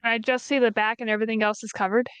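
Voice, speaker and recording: A woman's voice: on the high side, little pitch movement, quick pace, a bit bright, smooth, no echo. A woman playing a tabletop game, tentative and casual as she describes her actions. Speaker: player.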